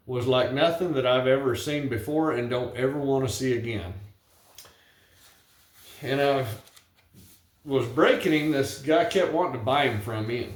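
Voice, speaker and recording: A man with a rural Western American cowboy twang speaks in a roomy, echoing space. His pitch sits in the middle for a man, and he tells things in a folksy, plain-spoken way, like a working horseman reciting his own verse. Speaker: cowboy poet and horse breaker. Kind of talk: cowboy poetry recital with storytelling. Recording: echoey, roomy sound.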